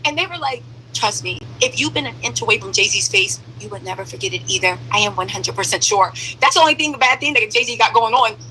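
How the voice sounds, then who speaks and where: A woman's voice played back fast enough to turn chipmunk-high and thin. She talks bluntly, with joking asides. The sound is bright and sharp, with faint noise underneath. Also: lively intonation, poor audio. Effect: sped-up playback, chipmunk-like high voice. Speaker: live-stream commentator. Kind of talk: live-stream commentary.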